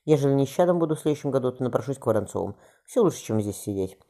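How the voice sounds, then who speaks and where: A man voicing a timid, pious young tsaritsa who pleads softly. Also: mid-range voice, animated, racing, close to an everyday voice.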